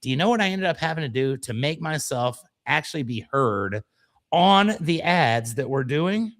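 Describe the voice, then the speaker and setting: A man's voice: a little high, lively intonation, moderate pace, fairly bright tone. A man co-hosting a casual radio show, telling stories in a self-deprecating, mock-dramatic way. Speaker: show co-host and voiceover performer.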